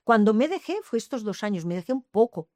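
A woman's voice: on the high side, big pitch swings, fairly quick, mellow, no echo. Emphatic woman in her eighties. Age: 80s. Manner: emphatic, repeats phrases, swears to the listeners. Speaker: interviewee. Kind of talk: emotional personal storytelling.

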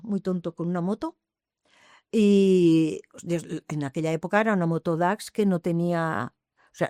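Her voice sits on the low side and sounds a little mellow, captured in studio quality without echo. She's an eighty-something woman telling her life story to an interviewer, swearing to listeners and repeating phrases with emotional emphasis.

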